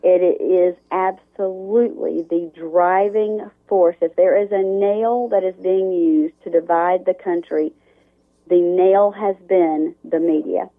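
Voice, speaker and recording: A woman's voice: lowish voice, fairly even intonation, slow pace. A woman who hosts a morning radio show, a guest on a talk show, speaking emphatically in long run-on sentences. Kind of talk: talk show interview over the phone. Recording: tinny phone line.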